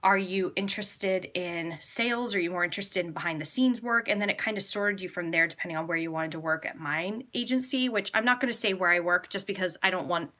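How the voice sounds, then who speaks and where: During a casual live Q&A, this young American woman, a travel vlogger, rambles enthusiastically to her viewers. She talks a little fast with few pauses, in a lowish voice with a sharp tone.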